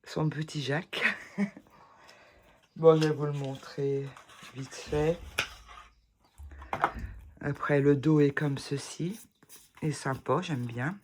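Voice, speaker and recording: A woman's voice: deep voice, steady tone, slow pace, long pauses, noisy background. A woman chatting casually to the camera as she shows off her tarot decks, rambling and full of hesitations and restarts. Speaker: vlogger showing tarot decks. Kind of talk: casual chat.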